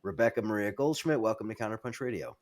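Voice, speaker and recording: A man's voice: lowish voice, expressive, fast. A man hosting a talk show, casual and self-deprecating, joking about his own phrasing before introducing a guest. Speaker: podcast host.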